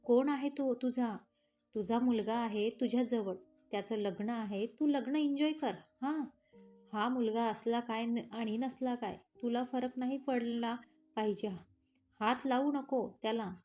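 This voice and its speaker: A woman's voice: a little high, a little slow, soft background music, close to an everyday voice. A woman reading a protective scolding grandmother. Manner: sharp reproachful scolding. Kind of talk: storybook character reading.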